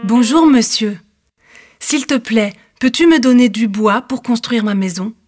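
A woman's voice: on the high side, a little slow, a little mellow, soft background music, close to an everyday voice. A woman voicing a small, polite but stubborn little pig in a storybook reading, with emphatic refusals.

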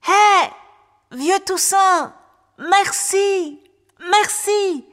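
A woman's voice: fairly high pitch, a little slow, pitched above the performer's own voice. A woman voicing a trusting, eager little peasant boy in a storybook reading. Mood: grateful. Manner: bright, chattering, innocent. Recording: long hall reverb.

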